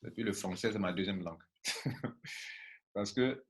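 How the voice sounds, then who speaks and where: A network marketing coach from Ivory Coast gives an informal online training talk in a lowish voice at a measured pace. He speaks with an Ivorian accent, Baoulé being his first language, and is emphatic and repetitive, full of rhetorical questions.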